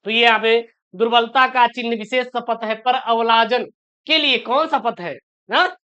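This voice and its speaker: A man leads an exam-prep lesson, reassuring his students, slowly repeating key answers, and often posing questions he then answers himself. His voice is very high-pitched, sharp and clean. The recording has a dull, lo-fi sound.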